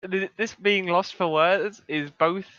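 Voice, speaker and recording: A man playing a tabletop game, chatting casually in an animated, sweary way. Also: high-pitched, slow, smooth, no room sound. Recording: slightly dull lo-fi microphone.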